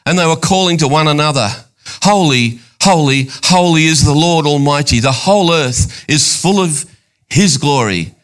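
An older man preaching a sermon, excitable, climbing to high emphatic bursts and then dropping low and intimate. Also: moderate pace.

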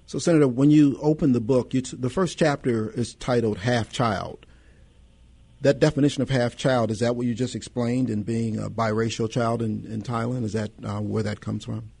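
A man hosting an interview, asking his guest soft-spoken, measured questions. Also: mid-range voice, fairly even intonation, gravelly, husky, dry recording.

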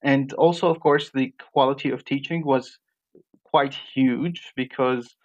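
Halting young man with lo-fi sound. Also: medium pitch, steady tone. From Iraq, raised in Jordan. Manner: halting, many fillers and restarts. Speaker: guest, medical graduate. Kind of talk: interview answers. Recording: dull lo-fi sound.

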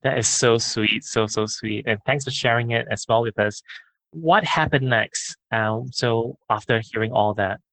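A man co-hosting a casual podcast, talking in a calm, steady and thoughtful way. His voice sits at an ordinary middle pitch. The recording is dry and close, with no room sound. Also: a little slow, no room sound, rough recording. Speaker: podcast co-host.

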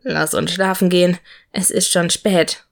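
A young dark mage from a storybook, teasing and affectionate, murmuring softly. A woman voices him in a mid-pitched voice. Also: expressive, moderate pace, natural voice. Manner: soft, teasing, sleepy murmur.

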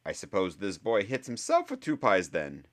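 A man's voice: on the low side, wildly swooping pitch, moderate pace, a bit bright, pitched above the performer's own voice. A man voicing a stern, dumpy older woman professor who speaks in an icy, clipped, skeptical way.

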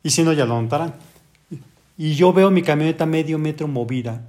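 Middle-aged man, Mexican accent, stepfather on a podcast, calm, dry humor, somewhat high voice. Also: fairly quick. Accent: Mexican Spanish. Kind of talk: casual family podcast chat.

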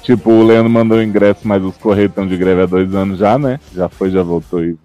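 A Brazilian man co-hosting a casual podcast chat, retelling a film plot in an animated, sarcastic way with casual swearing. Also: low voice, a little fast, dull audio, faint music behind. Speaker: podcast co-host.

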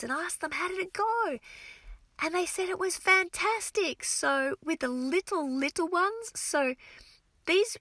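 A woman who teaches French to young children, giving casual advice to other teachers in an expressive, energetic way with frequent restarts. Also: high voice, no echo.

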